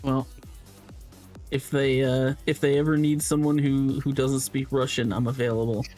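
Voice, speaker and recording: A man's voice: medium pitch, flat delivery, normal speed, a little mellow, soft background music. A man from New York, an illustrator, chatting casually and thinking aloud on a live stream.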